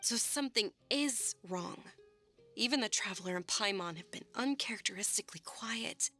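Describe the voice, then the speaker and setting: An actress playing a gentle, well-bred young noble lady in a video game, speaking politely and earnestly in articulate, formal phrases. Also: mid-range voice, animated, normal speed, faint music behind. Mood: earnest, worried.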